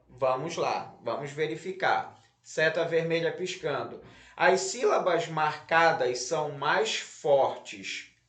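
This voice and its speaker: Slow, patient Brazilian man teaching. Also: fairly high pitch, echoey room. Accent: Brazilian Portuguese, northern (Pará). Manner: slow, patient, stresses words syllable by syllable. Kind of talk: recorded remote class lesson.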